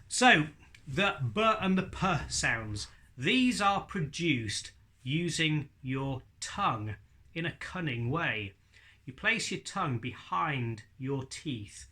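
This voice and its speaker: A man's voice: on the high side, very animated, slow, sharp tone. A middle-aged man giving an informal, chatty ventriloquism lesson with jokey asides. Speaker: ventriloquism teacher. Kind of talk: informal instructional video talk.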